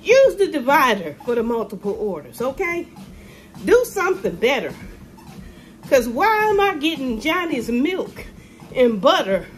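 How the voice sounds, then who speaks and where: A middle-aged woman ranting to a phone camera in a casual vlog, animated and sassy, with sudden high exclamations. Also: measured pace, slight background noise. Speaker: vlogger. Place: room with ceiling lights, indoors. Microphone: phone camera held below face.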